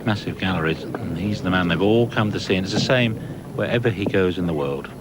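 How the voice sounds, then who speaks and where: Low-pitched man commentating on golf. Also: brisk. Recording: noisy outdoor broadcast ambience. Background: outdoor course ambience.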